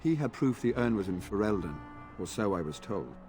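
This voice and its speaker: An actor playing an earnest, weary knight in a video game, speaking in formal, courtly phrases. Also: male voice, fairly low pitch, sing-song, fairly quick, mellow, soft background music. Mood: solemn. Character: earnest knight sworn to a noble lord, weary and dutiful. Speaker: game character.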